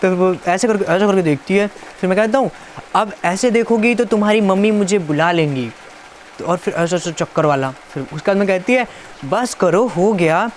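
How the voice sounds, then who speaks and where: A man's voice: high-pitched, normal speed, slight background noise. A man casually reading out a chat and adding teasing, playful comments as a YouTuber. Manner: playful, teasing, reads chat lines aloud.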